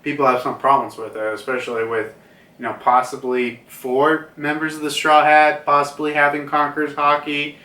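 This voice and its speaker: A man's voice: a little high, little pitch movement, moderate pace, pushed and bright, far from the mic. A man giving a casual, rambling review, full of fillers and restarts. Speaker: manga reviewer. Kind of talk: casual commentary. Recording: roomy, a bit off mic.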